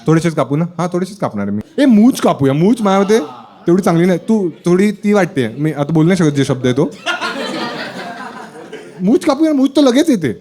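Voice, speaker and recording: Stand-up comic, male, teasing crowd work on a stage mic, high and lively. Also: a little fast. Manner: teasing, playful, chatty with audience. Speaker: stand-up comedian. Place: live comedy show with audience. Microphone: handheld stage mic. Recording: live show with loud crowd laughter.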